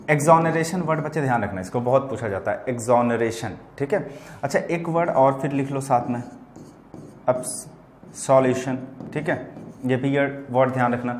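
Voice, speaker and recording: A man's voice: mid-range voice, fairly even intonation, normal speed, pauses often, a little hiss or hum. Guy teaching word meanings to students, patient, keeps checking in, roomy echo. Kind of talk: vocabulary lesson.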